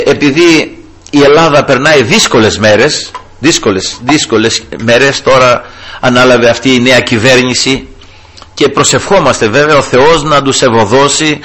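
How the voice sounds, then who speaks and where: A man's voice: a little high, a bit bright. A man preaching an evangelical sermon, fervently repeating "brothers" and "glory to the Lord" as he tells a personal story.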